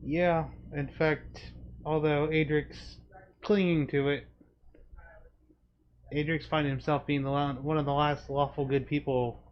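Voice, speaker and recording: A man's voice: fairly high pitch, little pitch movement, a little slow, long pauses. A man narrating a tabletop game as game master, describing scenes to his players. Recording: dull sound with faint noise.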